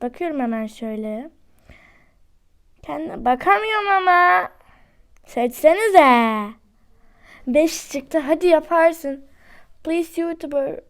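A woman giving chatty, excitable commentary to her viewers while she plays a game at home. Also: sits high. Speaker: gaming YouTuber. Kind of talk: casual gameplay commentary.

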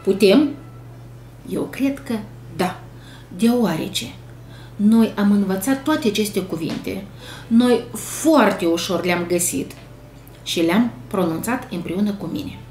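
A woman with a Moldovan Romanian accent, a primary school teacher giving a video lesson to young children, speaking slowly and clearly and sounding out syllables in an encouraging way. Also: medium pitch, darkish tone. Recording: echoey room, faint background noise.

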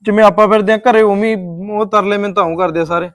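Actor as a quick, high-voiced Punjabi husband, grumbling, clear dry sound. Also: male voice, fairly even intonation, no room sound, natural voice. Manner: grumbling, defensive. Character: young addicted husband, weary and evasive. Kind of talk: short-film drama acting.

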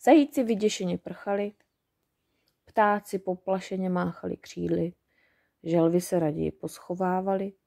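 A woman reading a children's fairy tale aloud from a book, in a gentle, unhurried bedtime manner. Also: fairly low pitch, gravelly. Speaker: storybook reader.

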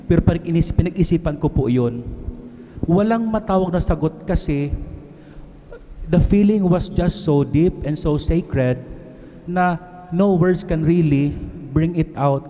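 A man in his forties with a Filipino accent, a priest giving a homily at a lectern into a handheld mic, earnest and switching between two languages, slowing down to stress words. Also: a little high, warm tone, slight background noise. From Philippines. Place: church altar, at a lectern. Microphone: handheld mic at the mouth. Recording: long church reverb.

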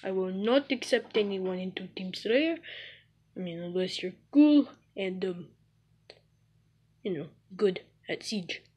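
A woman's voice: medium pitch, expressive, slow, long pauses, a little mellow, breathy edge, low-quality recording. A woman hosting a casual gaming vlog, talking in an offhand, jokey way and calling her viewers comrades in a mock Russian voice. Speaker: gaming channel host.

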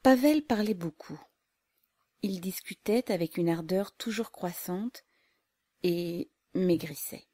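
A woman narrating a classic novel as an audiobook, calm and measured. She reads very slowly in a low, mellow voice. The recording is dry, with no room sound. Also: no echo. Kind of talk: scripted narration.

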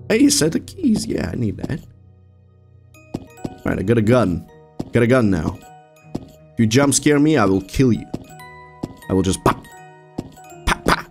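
A young man doing casual game streamer commentary and read-alouds, halting, with muttered asides. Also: on the low side. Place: indoor room at home. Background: game music.

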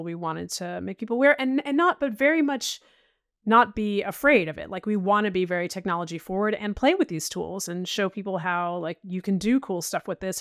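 A woman's voice: fairly low pitch, clear, resonant tone, no room sound, studio quality. A middle-aged woman talking casually as a podcast guest, chatty, with frequent restarts and "you know"s. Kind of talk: casual interview chat.

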